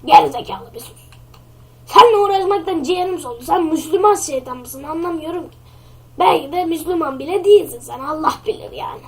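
A woman's voice: very high voice, a little fast. A woman voicing a short-tempered, insulting father with a nasal voice, scolding in a grumbling way. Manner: scolding, name-calling.

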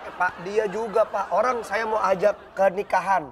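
High-voiced man joking in a comedy studio. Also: steady tone, normal speed, crowd noise, background noise. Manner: playful, defensive, joking boyfriend act. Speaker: comedy show co-host. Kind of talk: improvised comic role-play.

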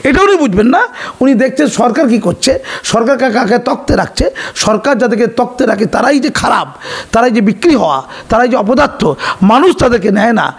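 A man's voice: very high-pitched, lively intonation, fast talker, husky. A man argues heatedly. His commentary is mocking and sarcastic, and he drives each point home by repeating words over and over. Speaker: political commentator. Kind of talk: impassioned political commentary.

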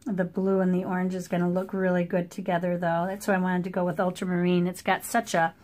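A middle-aged woman, a watercolor artist, chatting in a relaxed way as she paints at a table indoors, picked up by an overhead camera mic. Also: fairly low pitch, quick pace. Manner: relaxed, chatty running commentary. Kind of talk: thinking aloud while painting.

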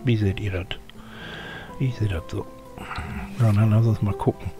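A man's voice: fairly low pitch, fairly even intonation, moderate pace, over music. An older man gives chatty live game commentary, muttering to himself and grumbling at his character. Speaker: let's play streamer.

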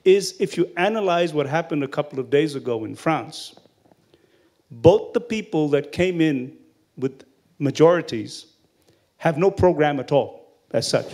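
A man's voice: on the high side, animated, measured pace, a little mellow. A man giving a discursive comment from the audience at a lecture.

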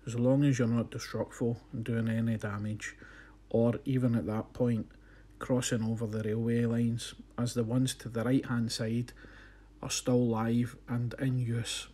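A man narrating a slideshow of his photographs in a relaxed, friendly, slightly hesitant way. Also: mid-range voice, unhurried, slightly rough. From Scotland. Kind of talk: casual voice-over narration. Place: voice-over, not recorded on site.

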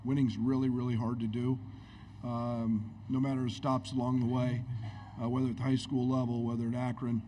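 Mellow-voiced coach at a press table. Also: male voice, mid-range voice, level tone, slight background noise. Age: middle-aged. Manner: halting, reflective, many restarts. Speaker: head basketball coach. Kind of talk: postgame press conference answers. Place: indoor press conference room. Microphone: table microphone on stand.

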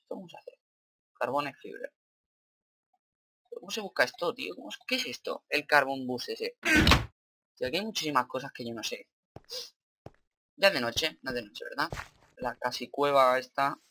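A young man from Spain with a Spanish accent, commentating his Minecraft play in an excitable, swearing, thinking-aloud way. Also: mid-range voice. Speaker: gaming YouTuber.

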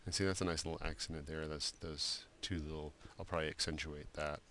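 A man giving a screen-recorded software drawing tutorial, talking loosely with many fillers and restarts. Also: extremely low pitch, fairly even intonation, brisk, slight background noise. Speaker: art instructor.

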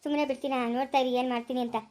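A woman's voice: high voice, fairly even intonation, very fast, background noise. A woman with a rural Chikkaballapura Kannada accent, acting an elder sister in an amateur village family skit, scolding and comforting and repeating her phrases.

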